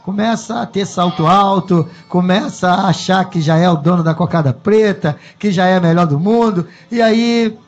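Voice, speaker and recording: A man's voice: high-pitched, normal speed, few pauses, dull audio, faint music behind. A man, hosting a radio show and praising his guest effusively. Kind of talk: casual radio interview. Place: small radio studio.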